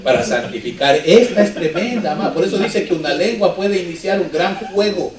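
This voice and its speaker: A man's voice: sits high, expressive, a little fast, crowd noise. A male pastor preaching a sermon conversationally, often asking the congregation rhetorical questions. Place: church hall. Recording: echoey church from far off.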